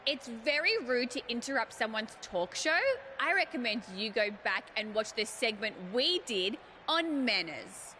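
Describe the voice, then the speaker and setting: A woman's voice: fairly high pitch, animated, a little slow, bright, forceful tone, slight background noise. A woman voicing an arrogant young wrestler, speaking in a condescending, snide way. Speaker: talk show co-host in a wrestling game.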